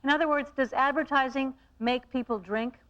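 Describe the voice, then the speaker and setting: Higher-voiced woman quiz co-host, scripted delivery, heard through a dull worn tape copy. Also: moderate pace, fairly bright tone. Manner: reads quiz questions and options out evenly. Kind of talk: scripted TV presenting.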